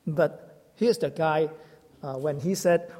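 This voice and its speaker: Guy, kinda high voice, halting church teaching talk with little jokes, big reverby hall. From Hong Kong. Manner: halting, self-correcting, gently humorous. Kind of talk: sermon-style teaching talk.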